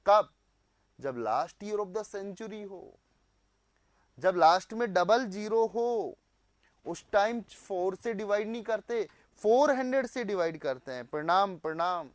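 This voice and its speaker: A man's voice: high voice, animated, a little slow, no room sound. A male teacher running a live online class, quizzing students, repeating their answers back and mixing in English phrases.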